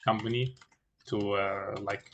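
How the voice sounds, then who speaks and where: A man explaining a technical design as an interview candidate, haltingly, searching for words with many filled pauses and repeated starts. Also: fairly low pitch, fairly even intonation, fairly bright tone, slight background noise. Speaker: engineering candidate in a mock system design interview. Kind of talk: thinking aloud through a technical design explanation.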